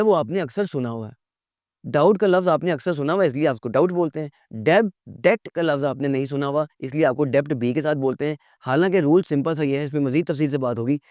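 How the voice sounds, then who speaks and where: A male teacher lectures in a slightly high voice, asking rhetorical questions and answering them himself. He slows down to spell words out letter by letter. The sound is dry and close, with no room echo. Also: a little mellow.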